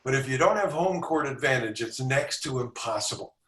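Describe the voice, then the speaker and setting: A man's voice: mid-range voice, animated, brisk, fairly bright tone. Brief: male coach guest, confident teaching style, echoey room, sits back from the mic. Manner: confident, instructive coaching delivery. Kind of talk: podcast interview. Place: indoor room with a back wall. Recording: roomy sound, distant from mic.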